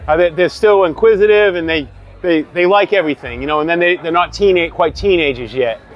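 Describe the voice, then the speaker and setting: A man's voice: a little high, a little fast, dull audio. A man with a Boston accent hosting a casual interview, asking questions in an eager, chatty way. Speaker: host.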